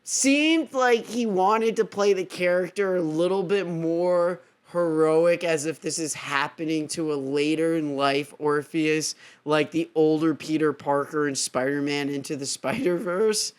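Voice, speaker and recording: Excitable man in a rambling review vlog. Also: fairly high pitch, unhurried, few pauses, clean tone. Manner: excitable, rambling, laughs often. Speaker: host.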